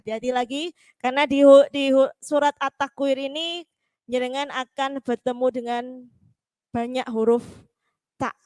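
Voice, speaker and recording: East javanese woman teaching recitation, high voice, slow and patient, dry close mic. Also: clear, resonant tone, no room sound. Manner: slow, repeats syllables, drawn-out chanted recitation. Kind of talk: online recitation lesson.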